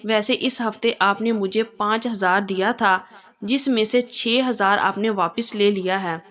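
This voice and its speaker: A woman's voice: medium pitch, unhurried, fairly bright tone, lightly acted. Woman doing a cheeky loving young wife. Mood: teasing. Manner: sweet and teasing.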